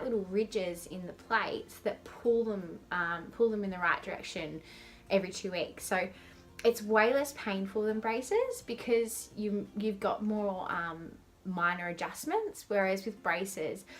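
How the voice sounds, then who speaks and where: Young female vlogger, lisping with a whistling s, mid-pitched, informal and rambling, chatting straight to camera. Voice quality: lisp with slurred, whistling s sounds from dental aligners. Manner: informal, rambling, self-deprecating. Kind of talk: casual chatty talk to camera.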